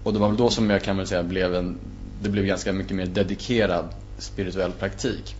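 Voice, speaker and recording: Animated man telling a story, lo-fi. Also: low voice. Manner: animated, acts out his own past reactions. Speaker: podcast guest. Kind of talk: casual storytelling. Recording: muffled lo-fi with faint hum.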